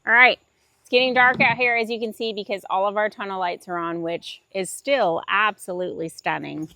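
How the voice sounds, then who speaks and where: A woman's voice: mid-range voice, steady tone, normal speed, bright, forceful tone, dry recording. Woman farm vlogger, rambling and chatty, outdoor handheld camera sound. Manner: chatty, laughs easily, rambling. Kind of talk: casual vlog chat. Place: outdoors in a farm garden at dusk.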